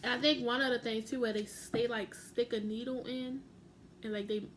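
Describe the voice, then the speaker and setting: A woman's voice: on the high side, steady tone, fairly quick, slight background noise. A young woman telling a personal story to camera in a chatty, rambling way, full of "like" and self-corrections. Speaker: vlogger.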